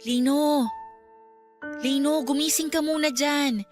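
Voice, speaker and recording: A Filipino actress in a radio drama plays a caring, exasperated young girlfriend looking after her man, nagging yet tender. Her high voice has fairly even intonation and a slow pace, with music behind her.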